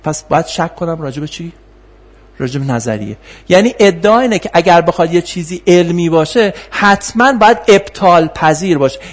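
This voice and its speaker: A man lecturing in a classroom on philosophy of science, explaining with rhetorical questions and filler pauses. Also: high-pitched.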